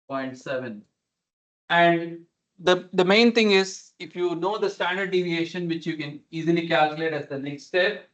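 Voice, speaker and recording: Male lecturer, slightly high voice, didactic question-and-explain delivery, dull lo-fi video call audio. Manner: didactic, repeats and checks understanding. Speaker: lecturer teaching numerical methods. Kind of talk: explanatory online class, questioning students. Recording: dull, lo-fi online meeting audio.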